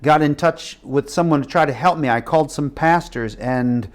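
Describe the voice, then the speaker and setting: A middle-aged man preaching a sermon, telling a personal story with animated delivery and shifts between loud and hushed. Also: a little high, moderate pace. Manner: animated storytelling with acted quotes and shifting loudness. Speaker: missionary preacher.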